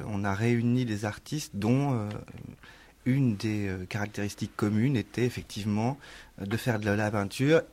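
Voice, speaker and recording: A man's voice: medium pitch, a little mellow. A man who is a guest on a radio panel, explaining at length while thinking aloud, with frequent fillers and repetitions. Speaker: guest, art-center co-director.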